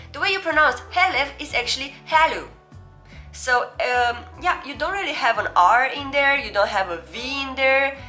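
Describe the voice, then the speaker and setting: Young romanian woman, high bright voice, casually explaining how to say foreign words, pokes fun at herself, music behind her. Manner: reads out foreign words slowly as examples between explanations; self-deprecating, informal. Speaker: video host. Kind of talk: casual chatty language lesson.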